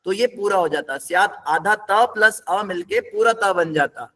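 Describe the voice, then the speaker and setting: A man with a high-pitched voice leads a scripture class. He breaks every word down step by step and stops often to quiz his students. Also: measured pace, fairly bright tone. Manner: patient, step-by-step explaining, quizzes the class.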